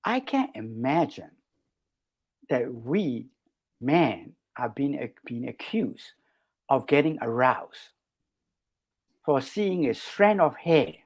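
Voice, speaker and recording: A man's voice: mid-range voice, darkish tone, breathy edge. Male caller on a glitchy line. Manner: blunt and emphatic. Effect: glitchy audio cutting out. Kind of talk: call-in show opinion.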